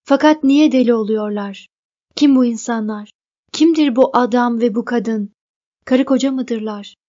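A woman's voice: a little high, measured pace, warm tone, muffled recording, lightly acted. A woman reading the part of a troubled, anxious adult man who presses with urgent questions.

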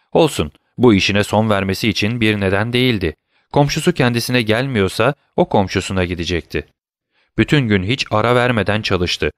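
A man reading a classic novel aloud as audiobook narration, in an even, measured manner. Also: lowish voice, clean tone, no room sound, clean studio sound.

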